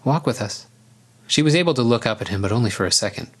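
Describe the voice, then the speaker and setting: A man narrating a storybook in a calm, even reading voice. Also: mid-range voice, racing.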